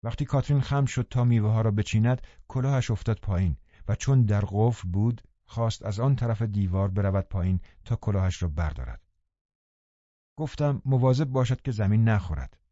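A man narrating a novel as an audiobook, calm and measured. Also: lowish voice, no echo. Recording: dull dry studio recording.

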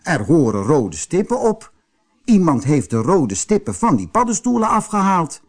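A man voicing a brave, eager young boy in a raised, excited voice. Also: on the high side, unhurried, breathy edge, voice pushed up, heavily acted.

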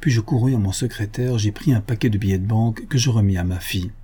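A man narrating a novel in the first person in a measured, even reading. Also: lowish voice, husky. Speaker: audiobook narrator.

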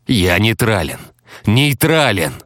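A man voicing an angry, cornered male hunter in a game world who shouts bitter threats. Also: lowish voice, a little slow, no room sound, studio quality, pitched above the performer's own voice. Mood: defiant.

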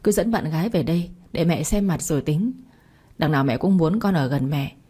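A woman's voice: deep voice, fairly quick, dark tone, breathy edge. A woman voicing a stubborn middle-aged mother who scolds her daughter with blunt commands, in a storybook reading. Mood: scolding.

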